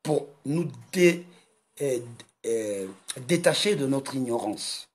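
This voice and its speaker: Slow, emphatic man from Congo. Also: mid-range voice, expressive. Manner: slow, emphatic, repetitive delivery. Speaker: video commentator. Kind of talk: impassioned monologue.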